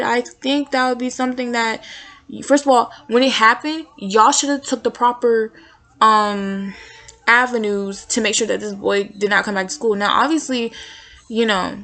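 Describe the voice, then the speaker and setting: A woman's voice: on the high side, a bit bright. Young female student podcaster, casual solo monologue from a dorm room, chatty and filler-heavy. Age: young adult.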